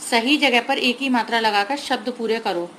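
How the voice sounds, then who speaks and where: A woman teacher slowly explaining a grammar lesson to young children, sounding out words carefully and mixing in English words. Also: a little high, fairly bright tone, slight background noise, rough recording.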